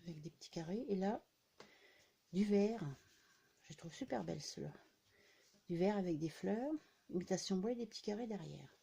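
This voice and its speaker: A woman with a soft, mellow voice chats casually through a haul of craft supplies. She talks at an easy, unhurried pace and fills her sentences with little hesitations and tag words. Her voice is warm and relaxed, never sharp. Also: mid-range voice, vocal fry, slightly rough. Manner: chatty, many fillers and "hein" tags. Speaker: scrapbooking vlogger. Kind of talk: casual haul show-and-tell.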